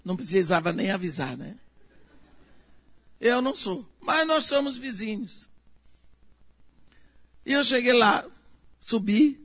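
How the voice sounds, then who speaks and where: A woman's voice: fairly high pitch, expressive, slow pace, long pauses, a bit bright, no room sound. A Brazilian woman telling a personal story in an emphatic way, acting out the dialogue. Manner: emphatic, acts out quoted dialogue. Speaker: storyteller giving a testimony.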